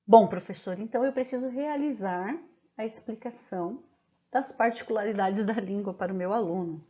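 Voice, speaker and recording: A woman with a Brazilian Portuguese accent gives a training lesson to teachers. She explains step by step, often ends phrases with a questioning "né?", and slows down when she dictates examples. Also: medium pitch, mellow, muffled recording.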